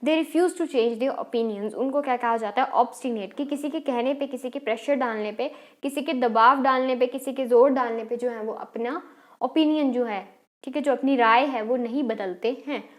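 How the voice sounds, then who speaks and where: A woman's voice: high-pitched, normal speed. A woman teacher with an Indian English accent, explaining English exam questions step by step and quizzing her students. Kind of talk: exam-prep English lesson.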